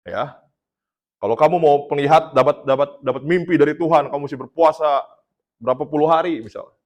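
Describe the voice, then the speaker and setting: A man's voice: a little high, brisk, lo-fi sound. A man from Indonesia preaching a casual sermon, telling a testimony in a chatty storytelling way and laughing at his own jokes. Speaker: pastor.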